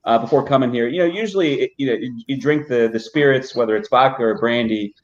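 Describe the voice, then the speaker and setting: A man's voice: medium pitch, quick pace, background noise. A man from Armenia, a spirits company founder, talking casually in a live online chat with lots of "you know" fillers. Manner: loose, filler-heavy, "you know" often. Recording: dull lo-fi audio.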